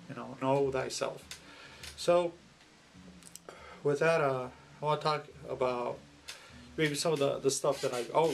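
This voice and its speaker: Man with creaky voice, halting casual talk. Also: medium pitch, a little hiss or hum. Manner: halting, rambling, with many pauses and self-repeats. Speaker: video blogger. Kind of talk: casual personal vlog talk to camera.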